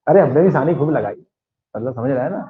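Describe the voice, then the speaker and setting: This classroom lecture features a man speaking quickly in an expressive mid-range voice, with a western Uttar Pradesh Hindi accent. He teaches maths, tests his students with questions and restates key ideas, all in an echoey, dull lo-fi recording.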